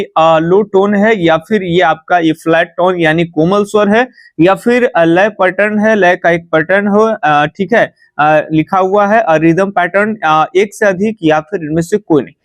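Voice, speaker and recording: Man, Bihari Hindi accent, high voice, brisk exam-prep teacher, dry close recording. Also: no room sound. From India. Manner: brisk, repeats "theek hai" and "fatafat se bataenge", drawn-out "a" fillers.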